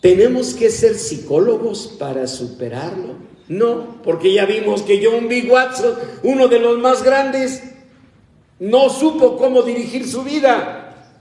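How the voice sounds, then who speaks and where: A man's voice: very high voice, takes it slowly, a little mellow. A man preaching a conversational sermon, chatty and playful, teasing his congregation and acting out little everyday scenes. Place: church hall. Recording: echoey hall heard from far off.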